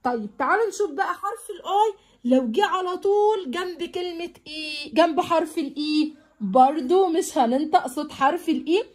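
High-voiced Egyptian woman teaching children. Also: normal speed. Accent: Egyptian Arabic. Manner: coaxing, checks in with pupils often. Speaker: English teacher. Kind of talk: children's English lesson.

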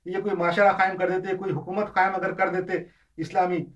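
A man's voice: high-pitched, flat delivery, fairly quick, a bit bright. A man gives an informal religious lesson, explaining with examples and often hesitating or restarting. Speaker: religious lecturer. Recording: distant, dull lo-fi.

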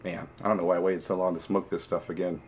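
A man in his forties chatting casually to camera in a savoring way, pausing between puffs on a pipe. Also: deep voice, flat delivery. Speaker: pipe-smoking vlogger. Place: small dim room at home, indoors.

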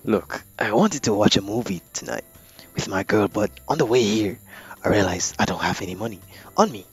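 A man's voice: fairly low pitch, normal speed, slightly rough, soft background music. A man voicing a rude young male customer who pushes for a free tape and turns threatening. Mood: pushy. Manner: pushy, dismissive.

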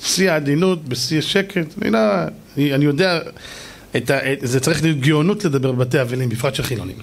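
A middle-aged man, a rabbi, telling stories in a lively sermon and acting out the people in them. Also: a little high. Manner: animated, acts out shouting voices, jokes with audience. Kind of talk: storytelling sermon.

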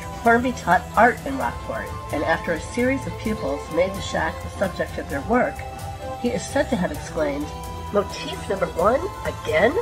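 A woman giving measured, scripted documentary narration. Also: on the low side, rough recording. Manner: measured, even storytelling delivery. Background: music.

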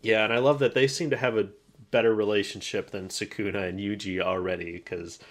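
A man's voice: lowish voice, fairly even intonation, fairly quick. A man co-hosting a casual podcast, rambling and laughing often with plenty of fillers and restarts. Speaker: podcast co-host. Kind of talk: casual chat.

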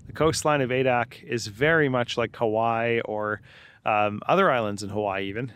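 A man's voice: mid-range voice, moderate pace, a bit bright, clean tone. A man giving casual, conversational walking commentary as a travel vlogger, outdoors among ruins. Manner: chatty and conversational, with filler like "you know" and "like".

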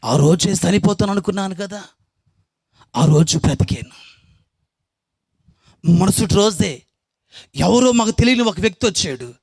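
Man, pastor, emotional testimony, fairly high voice, dry close sound. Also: expressive, measured pace, gravelly, pauses often, a little mellow, breathy edge, no room sound. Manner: emotional, voice rising high when moved. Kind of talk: spoken testimony.

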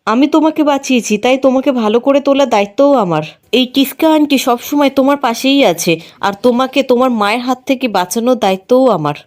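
A woman's voice: sits high, a little fast, a little mellow, lightly acted. A woman voicing a scheming woman who poses as her own twin, read in her plain narrating voice.

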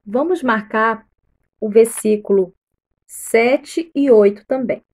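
A woman missionary reading the Bible aloud slowly and deliberately during a live stream, pausing to tell listeners which verses to mark. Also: on the high side, a little mellow.

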